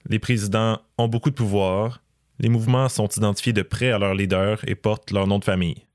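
A man delivering scripted documentary narration in a measured, explanatory way. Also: fairly low pitch, steady tone, darkish tone, no echo, clean studio sound. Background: faint music.

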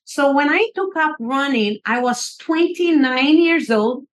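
High-voiced Brazilian-accented woman author. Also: lively intonation, measured pace. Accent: Brazilian Portuguese. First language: Portuguese. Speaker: author and guest. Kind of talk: podcast interview.

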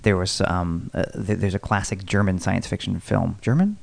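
Low gravelly man chatting casually. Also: little pitch movement, moderate pace. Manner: rambling, many fillers and restarts. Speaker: podcast co-host. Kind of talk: casual chat about movies.

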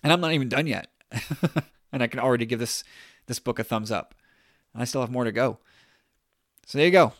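A man hosts a podcast in a casual, conversational way. His voice sits at a middle pitch and the sound is dry, with little room on it. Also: brisk, long pauses, no echo. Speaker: podcast host. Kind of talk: casual chat.

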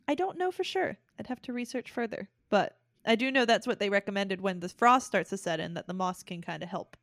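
A woman's voice: mid-range voice, fairly quick, a bit bright, no echo, studio quality. A woman co-hosting a casual chat, explaining things in a chatty way and laughing easily. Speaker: podcast co-host.

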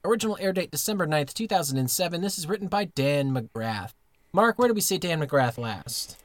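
A man's voice: on the high side, expressive, a little fast, dry recording. Man recording from inside a closet. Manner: rambling storyteller with many fillers and restarts. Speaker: podcast co-host. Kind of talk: casual comedic chat.

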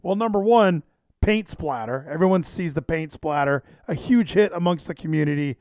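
A man's voice: a little high, expressive, normal speed, a little mellow, no room sound, studio quality. A man hosting a podcast in casual, rambling chat, often interrupting and repeating himself. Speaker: podcast and livestream host. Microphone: handheld microphone.

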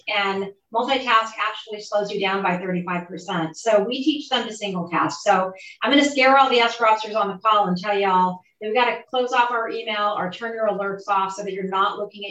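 A woman business coach giving energetic, instructive advice on a podcast. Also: mid-range voice. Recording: roomy, mic a bit distant.

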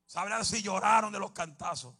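A man preaching a sermon, animated and humorous, bursting into shouts. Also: high-pitched, moderate pace, breathy edge.

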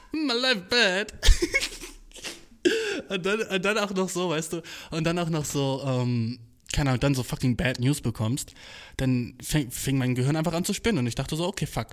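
A man's voice: a little high, brisk. A young man doing a casual solo podcast, talking in heavy slang laced with English swearing, recorded on a cheap smartphone in a makeshift home studio. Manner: slangy, full of English swearing, "Bro" and "Dude".

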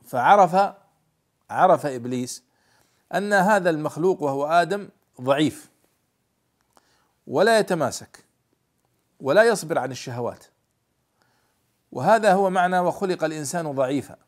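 A male scholar explaining a Quran commentary in a classroom lesson, stressing quoted words and slowing down to spell out readings. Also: fairly high pitch, expressive.

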